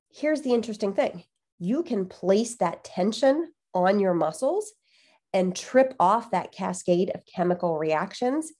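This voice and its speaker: Nasal, congested woman podcast host with mellow tone. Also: mid-range voice. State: has a cold. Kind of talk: solo fitness podcast talk, conversational explanation.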